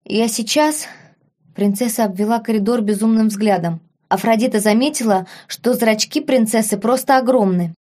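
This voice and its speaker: A woman narrating an audiobook, with a voice set a little higher than most. She reads in an even, expressive style, clear and steady. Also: brisk, few pauses. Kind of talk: scripted narration.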